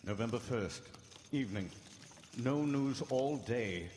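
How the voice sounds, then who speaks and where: A man's voice: medium pitch, lively intonation, unhurried, a little mellow, a little hiss or hum, lightly acted. A man as a sober Victorian doctor, echoing hall. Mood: grave, reporting. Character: sober Victorian doctor reading his journal, weary and earnest. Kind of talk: live radio drama narration, dated journal entries. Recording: echoing hall with live music behind.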